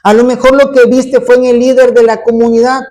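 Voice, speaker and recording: Brisk, level in tone and a little mellow, the medium-pitched voice preaches emphatically to a congregation. Rhetorical tag questions come often, and quoted voices are acted out.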